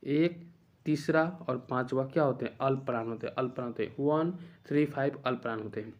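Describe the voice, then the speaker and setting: A man teaches a grammar lesson for exam preparation, at a middle pitch. He goes point by point, asking a question and then answering it himself. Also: a little fast, dull audio. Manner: repeats points and asks rhetorical questions to drill students.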